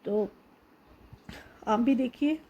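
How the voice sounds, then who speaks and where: A middle-aged woman chatting homely and unhurried while narrating her home cooking vlog in a kitchen. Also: on the high side, dark tone, slightly rough, muffled recording. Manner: chatty, homely, with filler pauses. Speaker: home cooking channel host.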